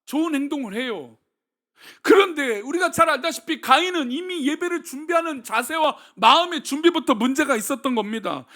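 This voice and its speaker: A male senior pastor preaching a sermon, asking the congregation rhetorical questions and swinging between soft and loud delivery. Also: very high-pitched, expressive, fairly quick.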